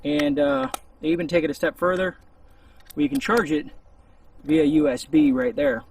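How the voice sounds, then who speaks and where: Recorded on a distant mic with faint outdoor noise, a man hosting a gear review channel rambles conversationally to camera from a shaded spot outside. His voice is a little high, with vocal fry, and he speaks at a normal speed in this casual, unscripted review.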